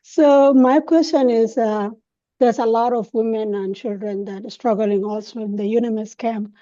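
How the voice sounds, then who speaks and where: High, mellow woman calling in. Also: steady tone, normal speed, no echo. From South Sudan. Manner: casual, friendly, direct. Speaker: audience caller. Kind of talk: casual question on a webinar. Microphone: video call. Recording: dull, dry lo-fi call audio.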